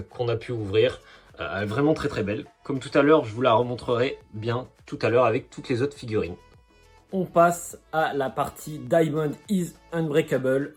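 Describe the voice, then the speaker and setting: A man's voice: fairly high pitch, darkish tone. Chatty French guy unboxing figures. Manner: chatty, slangy, jokey asides. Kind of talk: casual unboxing vlog.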